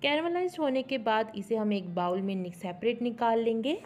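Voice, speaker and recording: Slightly high and a little mellow, this woman speaks at a normal speed as host of a cooking show. Her voice-over walks through a recipe step by step, with English words mixed in.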